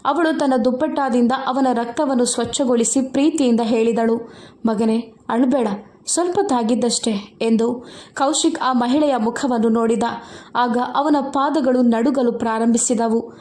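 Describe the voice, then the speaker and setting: A woman with a high voice tells an emotional moral story in an earnest, steady manner. The reading sounds scripted. Her voice rings in an echoey room. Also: normal speed.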